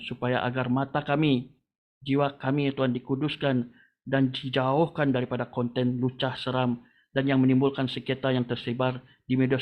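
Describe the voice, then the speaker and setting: A man leading a congregation in a long spoken prayer, calling on the Lord after nearly every phrase. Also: medium pitch. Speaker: prayer leader. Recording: tinny phone-like line.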